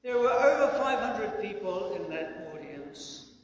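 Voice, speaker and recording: A man delivers a sermon with slow, emphatic phrasing and weighty pauses, his voice pitched high for a man. He sounds a little far from the mic in a large church hall, with a long ringing reverb and a faint hum of room ambience behind him. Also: big pitch swings. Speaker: preacher.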